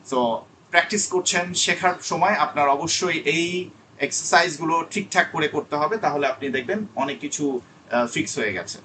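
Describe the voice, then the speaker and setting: A man's voice: a little high, pushed and bright, far from the mic, slight background noise. A man teaching an online spoken English class, explaining patiently and repeating key words.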